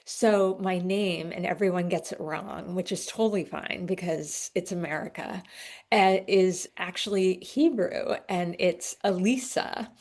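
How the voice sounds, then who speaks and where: Middle-aged woman with vocal fry. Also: on the low side, steady tone, unhurried, a little mellow. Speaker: interview guest, author. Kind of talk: casual conversational interview answers.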